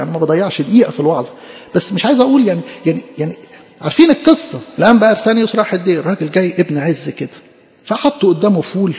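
A fast-talking, high-voiced man with an Egyptian accent delivers a sermon. He tells stories with animated, acted-out quotes. The recording is dull and echoes with a hall's long reverb. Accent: Egyptian Arabic. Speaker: preacher.

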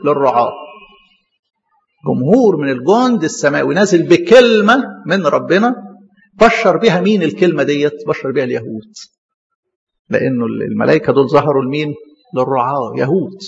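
A man's voice: fairly high pitch, slight background noise. A man preaching a Bible sermon in Egyptian Arabic, putting questions to the congregation and answering them himself. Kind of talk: call-and-response Bible sermon. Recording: muffled hall recording with long echo.

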